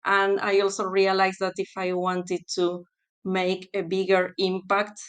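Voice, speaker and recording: A woman from Argentina speaks English as an interview guest. Her voice is smooth and resonant. She answers thoughtfully and at a measured pace. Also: medium pitch, completely flat delivery. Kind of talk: conversational interview.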